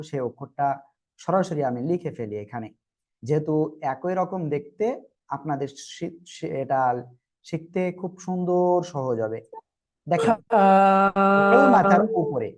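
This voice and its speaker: A Quran teacher leading an online group class, patiently sounding out letters slowly and asking everyone to repeat together. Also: mid-range voice, expressive, a little mellow.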